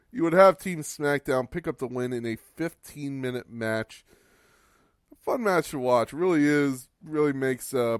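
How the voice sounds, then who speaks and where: Man, podcast host, casual wry recap, mid-pitched voice, dry close sound. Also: clean tone, no echo. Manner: casual, wry, swearing for humor.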